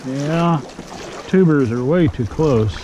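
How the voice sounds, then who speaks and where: A man talks in an unhurried, halting way, full of "uh"s, as he paddles down a river. His voice sits fairly high for a man. Rushing water and gusts of wind are clearly audible over an action camera mounted on the kayak. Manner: relaxed, halting, with fillers and short laughs. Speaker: kayaker filming his float. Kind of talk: casual chat on the water. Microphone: action camera on the kayak bow. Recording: loud water and wind noise on a boat camera.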